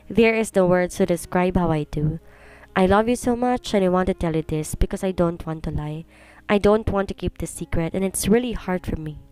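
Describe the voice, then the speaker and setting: A woman's voice: lowish voice, a little mellow, clear, resonant tone, lightly acted. A woman voicing a tearful young man who pleads and apologizes as he confesses a secret in a storybook reading.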